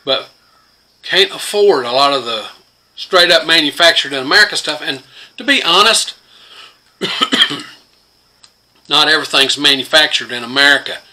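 Animated and forceful, with a fairly high, bright voice, an older homesteader host talks a little slowly and pauses often while showing his tools in his home workshop. His casual demonstration is plain-spoken and rambling with many fillers, recorded on a phone camera near the workbench.

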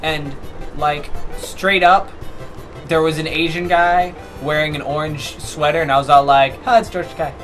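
A man's voice: on the high side, fairly even intonation, unhurried, a bit bright, faint music behind. A young man chatting and swearing while playing a video game with friends in a living room, calling out where opponents are. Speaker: let's play co-host. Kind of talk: casual gaming chat.

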